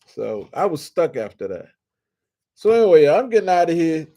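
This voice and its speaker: Excitable older man from D.C. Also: a little high, normal speed. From Washington, D.C. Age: 60s. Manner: animated, shouts with excitement, drawls and stretches words. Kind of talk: casual storytelling monologue.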